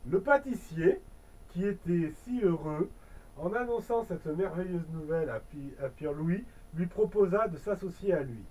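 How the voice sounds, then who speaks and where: A man reads a bedtime story aloud to a baby, breaking off for gentle, chatty asides. His voice sits high for a man. It sounds a bit off-mic. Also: lively intonation, moderate pace, far from the mic, rough recording.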